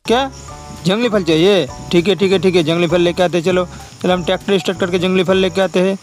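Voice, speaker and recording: Hyped up guy talking kids thru a toy play, bit high voice, music going behind. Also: fast. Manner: excitable, repeats exclamations over and over. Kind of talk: excited toy-video narration. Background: background music.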